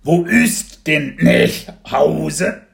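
A man doing Specki, a breathy baby dragon. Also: fairly high pitch, lively intonation, very slow, echoey room, voice pushed up, heavily acted. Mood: puzzled. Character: small curious baby Christmas dragon.

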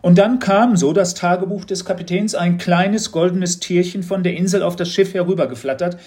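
A man's voice: high-pitched, fairly even intonation, normal speed, darkish tone, voice pushed up, lightly acted. Man voicing a sly, probing schoolteacher. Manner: insinuating, leading questions. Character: mysterious probing male teacher, knowing and sly. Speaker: teacher. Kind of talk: audiobook storytelling.

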